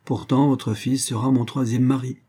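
A man reading the part of a composed, teasing woman of forty who speaks in calm, sententious phrases. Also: medium pitch, moderate pace, breathy edge, natural voice. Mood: calm assurance.

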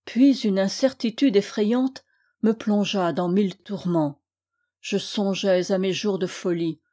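A woman reads aloud from a classic novel with expressive, theatrical phrasing, lingering slowly over the dramatic lines. Her voice sits at a medium pitch and has a mellow, warm timbre. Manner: expressive, theatrical, with slow emphatic passages. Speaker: audiobook reader. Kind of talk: dramatic reading of a 19th-century novel.

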